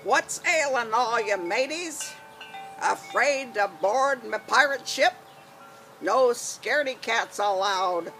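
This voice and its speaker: A woman's voice: fairly high pitch, animated, slow, sharp tone, soft background music, full character voice, rough recording. An older woman voicing a boastful, hot-tempered male pirate captain with a wart and a beard, talking in growly pirate speech, outdoors in a garden. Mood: swaggering. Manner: growly pirate talk, dropped words, laughs at own menace.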